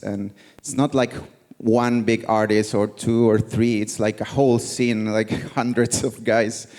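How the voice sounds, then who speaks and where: A man with a fairly low voice chats casually on a conference panel. He leans on fillers and stays easygoing. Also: a little mellow.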